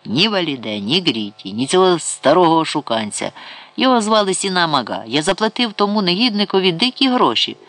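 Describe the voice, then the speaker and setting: A drunken, arrogant grand vizier, put on by a male narrator, his voice pushed high and loud. He sneers and boasts in a brash, mocking way. This is an audiobook figure. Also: sing-song, brisk, no echo, heavily acted. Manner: mocking, brash, then pleading.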